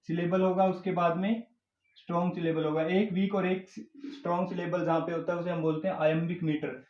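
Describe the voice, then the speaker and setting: A man teaching an English grammar class, explaining slowly and repeating terms, mixing English words into his Hindi. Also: sits high, darkish tone. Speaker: English tutor. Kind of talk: classroom lecture. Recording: echoey room, dull lo-fi sound.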